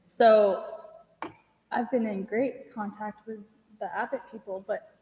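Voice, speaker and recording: A woman's voice: medium pitch, steady tone, slow pace, mellow. A woman town manager talking casually and in a rambling way at a meeting in an echoing space. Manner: informal, rambling, peppered with "like". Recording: echoey hall with long reverb.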